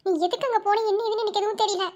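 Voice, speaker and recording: Woman doing a hushed Madurai cartoon aunt. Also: very high-pitched, fairly even intonation, racing, muffled recording. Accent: Madurai Tamil. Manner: hushed, pleading, conspiratorial. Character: worried aunt calming her niece. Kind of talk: animated cartoon dialogue.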